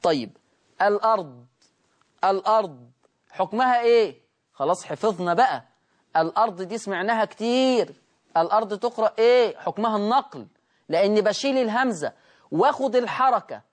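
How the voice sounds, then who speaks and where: A man's voice: sits high, lively intonation. A man with an Egyptian Arabic accent teaching a Tajweed lesson, asking questions and answering them himself, stretching out words to demonstrate pronunciation. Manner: asks and answers his own questions, drawn-out demonstrations. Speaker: Quran recitation teacher.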